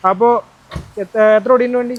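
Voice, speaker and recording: A man's voice: very high-pitched, steady tone, moderate pace, phone-quality sound. A man with a Kerala accent hosting a casual used-car walkaround, asking short questions and repeating answers back. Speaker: car vlog host.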